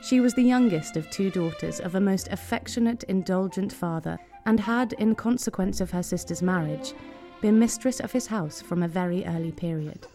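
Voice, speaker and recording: A woman giving a measured, even scripted narration. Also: medium pitch, soft background music.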